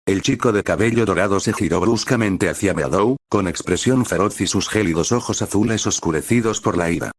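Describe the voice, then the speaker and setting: A man reading a dramatic story aloud as a steady narrator. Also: low-pitched, a little fast, few pauses, breathy edge, no echo, studio quality. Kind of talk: scripted audiobook narration.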